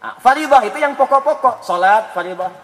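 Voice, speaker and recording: A high-pitched man preaches a sermon, weaving humorous stories into his teaching. He swings from loud, emphatic lines to quiet asides. His voice rings out with a long reverb, as in a large hall. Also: brisk. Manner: lively, shifts between loud emphasis and hushed asides. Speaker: Islamic preacher.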